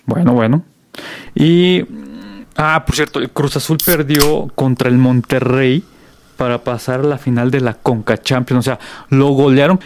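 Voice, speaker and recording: A man's voice: medium pitch, fairly even intonation, unhurried. A Mexican man hosting a casual news roundup, chatty and full of fillers. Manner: chatty, many fillers and restarts. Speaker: host.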